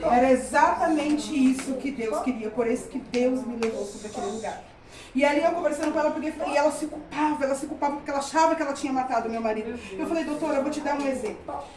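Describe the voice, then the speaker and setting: A middle-aged woman gives a fervent church testimony, her high voice racing ahead and circling back on its own phrases. She sounds far from the mic in an echoey hall, with the congregation murmuring around her. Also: quick pace, a crowd in the background. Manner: fervent storytelling with many repetitions. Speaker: church speaker giving a testimony.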